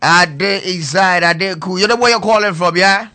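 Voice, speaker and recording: Man, radio call-in host, high bright voice, loud and laughing, pidgin phrases. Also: normal speed, a little hiss or hum.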